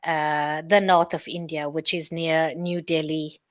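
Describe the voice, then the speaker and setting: A woman from South Africa teaching English, asking friendly questions in an unhurried way with many fillers. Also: sits low, little pitch movement. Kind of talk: conversation lesson on a call.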